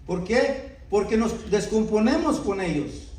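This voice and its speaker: A man's voice: high voice, animated, unhurried, darkish tone, far from the mic. Man, middle-aged, sermon, earnest, rhetorical asides, echoey church hall. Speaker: pastor.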